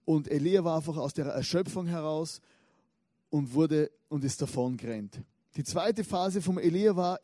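A married man preaching a relaxed, conversational sermon, telling stories in a lively way with frequent restarts and tag questions. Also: a little high, no echo, studio quality. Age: adult, married.

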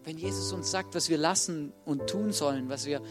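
Casual preacher over music. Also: male voice, a little high, moderate pace. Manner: casual, direct, addresses listeners as "du", acts out quotes. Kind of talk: informal sermon to a congregation. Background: music playing under the speech.

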